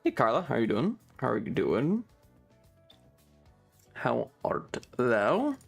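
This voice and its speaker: A live streamer and host chats casually with his viewers at an unhurried pace, his mid-pitched voice swooping wildly and often dropping into creaky fry. He rambles playfully and jokes with mock indignation as faint music plays behind him.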